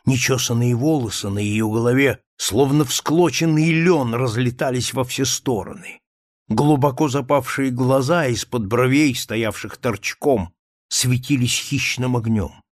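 A man reading a first-person story aloud in a measured, dramatic way. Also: medium pitch, dry recording, studio quality. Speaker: narrator.

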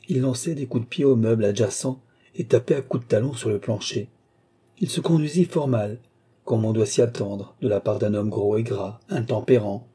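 A man reading a story aloud as an audiobook narrator, with a measured, even storytelling manner. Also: mid-range voice, breathy edge. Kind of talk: scripted narration.

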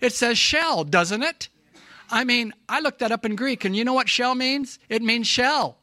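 A man's voice: extremely high pitch, animated, normal speed, bright, forceful tone. A man preaching a sermon as pastor in a church, emphatic and often asking the congregation questions. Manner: gets emotional.

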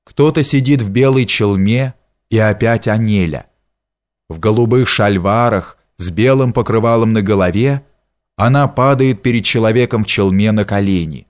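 A man reading a story aloud in measured, deliberate audiobook narration. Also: fairly low pitch. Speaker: audiobook reader.

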